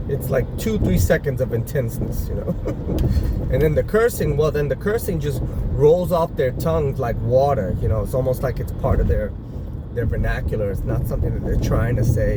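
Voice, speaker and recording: A man from New York City giving a casual, rambling movie reaction, repeating himself for emphasis. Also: mid-range voice. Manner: rambling, self-correcting, emphatic repetition. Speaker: movie reviewer. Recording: loud outdoor traffic noise.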